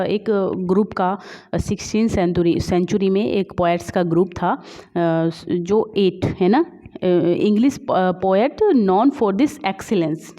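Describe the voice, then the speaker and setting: A woman's voice: mid-range voice, dark tone. A woman with an Indian accent giving an exam-prep lesson, explaining step by step and asking herself rhetorical questions, with frequent fillers. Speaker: teacher.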